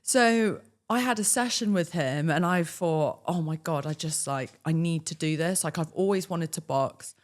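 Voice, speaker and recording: Lively young Englishwoman telling stories. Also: sits low, moderate pace. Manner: lively, laughs often, acts out quoted dialogue. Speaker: podcast guest. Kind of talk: casual storytelling.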